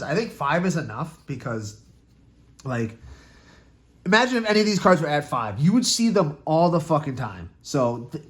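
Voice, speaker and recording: A young man casually walking through a trading card deck, with loose, rambling talk, restarts and frequent swearing. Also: mid-range voice. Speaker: card game content creator. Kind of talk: casual deck tech breakdown.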